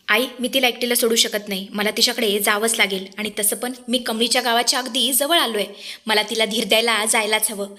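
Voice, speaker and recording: A woman's voice: on the high side, bright, forceful tone. A woman reading an earnest, guilty young man. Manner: earnest, emotional pleading. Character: young man, guilt-ridden and caring son.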